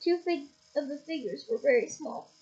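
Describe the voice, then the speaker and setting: High-voiced woman reading a novel aloud. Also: lively intonation, normal speed, darkish tone, muffled recording. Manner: casual, stops to comment and laugh. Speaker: audiobook reader.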